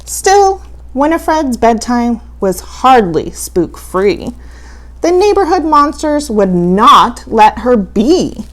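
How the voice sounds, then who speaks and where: Female horror host for children's storytime: campy, playfully spooky, higher-pitched, highly animated storybook read. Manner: dramatic, playfully spooky, drawn-out delivery.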